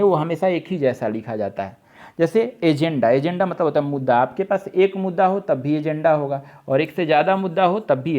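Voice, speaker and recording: A man's voice: on the high side, a little mellow. A man teaching English grammar for competitive exams, explaining step by step, spelling words out letter by letter and checking that students follow. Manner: checks in with students, asks if it is clear. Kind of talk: exam-prep grammar lesson.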